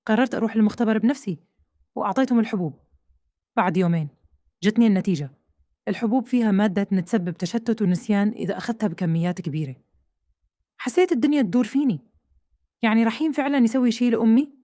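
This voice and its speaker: A woman with a Hejazi Saudi accent tells a tense first-person story at a brisk pace. Her tone is dark and mellow, and the recording is dry and close, with no room around her. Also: medium pitch, expressive, dry recording. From Saudi Arabia. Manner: tense, questioning, dramatic. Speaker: narrator.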